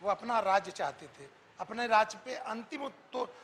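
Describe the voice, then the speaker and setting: A TV reporter hosting a public debate interviews people on the street about politics, insistently repeating himself to cut in. His high voice is animated and fairly bright at a moderate pace. The recording is reverberant and echoing, with a little hiss or hum.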